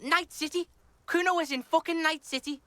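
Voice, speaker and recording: A woman's voice: very high-pitched, steady tone, normal speed, sharp tone, no echo. A woman voicing a swearing, hostile twelve-year-old boy who speaks of himself in the third person, in a video game. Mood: belligerent.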